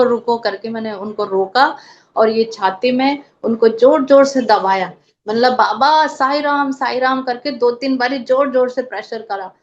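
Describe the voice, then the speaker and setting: A woman's voice: fairly high pitch, lo-fi sound. Woman recounting a devotional experience. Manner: emotional, repeats chants aloud. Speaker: devotee sharing a spiritual experience. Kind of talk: personal testimony.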